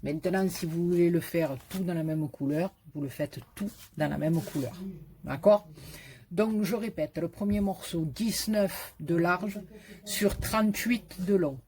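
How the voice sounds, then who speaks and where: A woman with a Marseille French accent hosting a casual scrapbooking tutorial, chatty and joking, and repeating the measurements slowly. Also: fairly low pitch, a little mellow. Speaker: scrapbooking video host.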